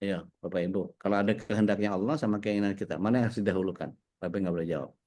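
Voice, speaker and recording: Man, cleric, casual religious talk, filler pauses. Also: low-pitched. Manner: relaxed, conversational, many fillers, addresses the audience. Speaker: cleric and co-host.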